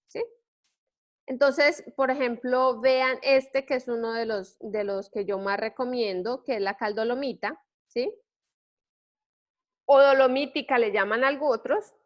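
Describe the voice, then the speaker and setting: A woman's voice: fairly high pitch, fairly bright tone. A woman giving a soil science lecture, explaining step by step and quizzing her students with rhetorical questions. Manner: frequent "¿sí?" checks and restarts.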